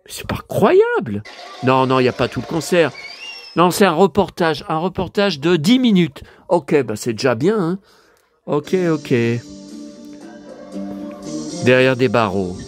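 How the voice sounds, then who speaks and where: A hoarse man in a casual vlog, talking to his viewers and muttering exclamations to himself as he browses through his purchases. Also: on the high side, lively intonation, normal speed, faint music behind. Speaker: vlogger showing his purchases.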